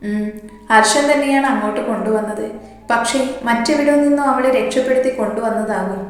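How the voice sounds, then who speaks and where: Woman reading a gentle protective young man. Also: fairly high pitch, a little fast, close to an everyday voice. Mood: reassuring. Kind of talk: story reading. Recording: echoey reverberant room.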